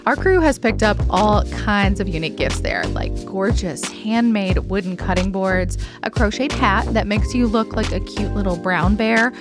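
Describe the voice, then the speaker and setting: A woman with a medium-pitched voice hosts a podcast. She talks in a casual, chatty way and reads scripted copy in the same role, with music clearly behind her. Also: moderate pace, few pauses. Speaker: podcast host. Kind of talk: casual chat and scripted ad reading.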